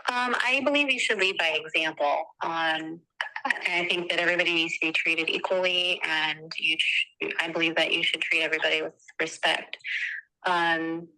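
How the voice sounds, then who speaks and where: A woman comes through a phone set on speaker, caught from across the room, her fairly low voice still bright and forward. She answers interview questions for a town health board earnestly and plainly, with frequent ums between her points. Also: fairly even intonation, moderate pace, rough recording. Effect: heard over a phone on speaker.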